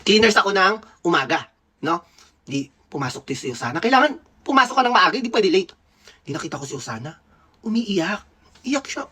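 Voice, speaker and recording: A man's voice: sits high, sing-song, fairly quick, pushed and bright, breathy edge. A man in his thirties from the Philippines, a dentist telling a school memory in casual, playful, gossipy storytelling. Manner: gossipy, playful, laughs often. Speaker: dentist vlogger.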